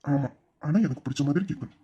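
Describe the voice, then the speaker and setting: A man's voice: fairly high pitch, fast, warm tone, slightly rough, lo-fi sound. A man playing a teasing, scolding husband. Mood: bargaining. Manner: mock-stern and teasing. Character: teasing, scolding young husband and office boss. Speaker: hero of an audio drama. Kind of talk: Tamil audio drama acting.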